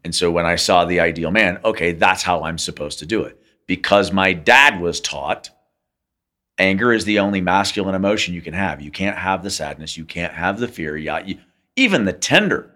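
A man's voice: low voice, animated, normal speed, sharp tone. A man co-hosting a podcast, speaking earnestly and reflectively in casual conversation. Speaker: podcast co-host. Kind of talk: casual chat.

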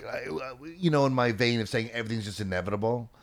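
Musing, halting podcast man. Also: mid-range voice. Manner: musing, halting, thinks out loud. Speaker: podcast co-host. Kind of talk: casual chat.

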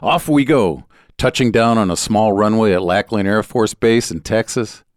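Older man, low voice, wry memoir storytelling, conversational asides, dry sound. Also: moderate pace, no room sound.

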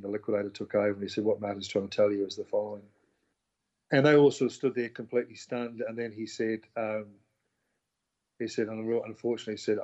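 With a fairly low-pitched voice, this man with a New Zealand accent shares his story as an interview guest in a casual chat. He's animated and acts out the voices of those he quotes. The recording is muffled.

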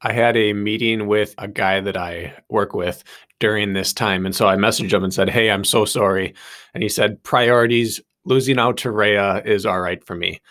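A podcast host chats easily with his guest in a casual interview, telling stories and laughing along in an easygoing way. He has a lowish, slightly bright voice with a steady tone at normal speed.

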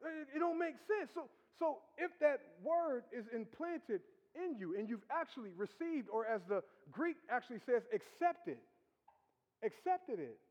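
A man preaching as pastor, conversational and teasing, with rhetorical questions and quick laughs. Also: very high voice. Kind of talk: sermon. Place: church hall. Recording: dull sound with long hall reverb.

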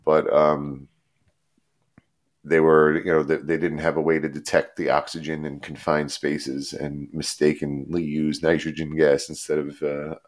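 A man's voice: very deep voice, completely flat delivery, a little slow. A man co-hosting a podcast, chatting casually and bluntly, swearing often and restarting his sentences. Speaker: podcast co-host. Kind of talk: casual comedic chat.

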